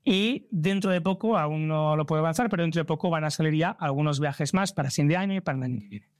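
Earnest Spanish man from Barcelona, higher voice. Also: fast, no echo, clean studio sound. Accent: Spain. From Barcelona, Spain. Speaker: travel content creator and trip organizer. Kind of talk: conversational interview answers.

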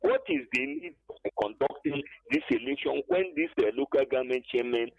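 An older Nigerian man rings in over a muffled, lo-fi phone line, his voice gravelly and swinging widely up and down. He hesitates through long fillers, then presses his complaints with growing emphasis. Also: fairly high pitch, wildly swooping pitch, no echo. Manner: hesitant, many drawn-out fillers, rising to emphatic protest. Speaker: caller. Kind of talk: radio call-in complaint.

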